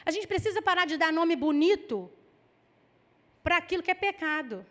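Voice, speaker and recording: A woman with a Brazilian Portuguese accent preaching a lively sermon, acting out people's excuses in mock voices. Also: extremely high pitch, normal speed.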